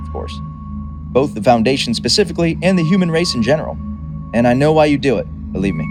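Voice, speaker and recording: A man's voice: mid-range voice, natural voice. A man voicing a grandiose, mercurial chaos god and toymaker, theatrical and boastful, turning chatty and wry. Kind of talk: dramatic reading. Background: music.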